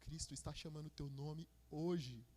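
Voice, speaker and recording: A man's voice: fairly even intonation, normal speed, darkish tone. A man preaching a sermon as a minister, with a Brazilian Portuguese accent, building to fervent passages and calling listeners "my brother". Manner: rising to fervent, high-pitched preaching. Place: church hall. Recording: long church-hall reverb.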